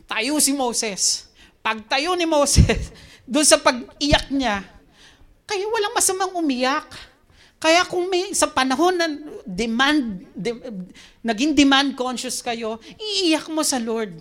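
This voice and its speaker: Animated woman preaching. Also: high-pitched, slow. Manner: animated, swings between soft scripture reading and emphatic exhortation. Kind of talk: sermon.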